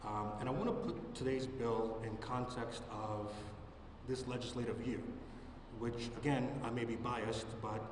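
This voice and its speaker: A man's voice: medium pitch, a little slow. A man from South Providence, a state representative, giving a speech at a press conference, with some hesitations and fillers. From South Providence, Rhode Island. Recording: echoey hall from far off with noise.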